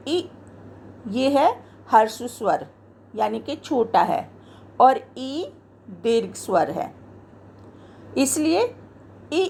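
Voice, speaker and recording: A woman teacher walks through a grammar lesson at a very slow, deliberate pace, her voice fairly high with a gravelly edge. She explains step by step, pointing to the words she has marked. Faint noise sits under the recording. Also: darkish tone.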